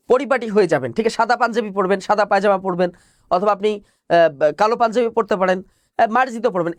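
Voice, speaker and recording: A man's voice: high-pitched, dry recording, studio quality. A male teacher giving an online exam-prep class, explaining point by point, repeating key phrases and answering his own questions.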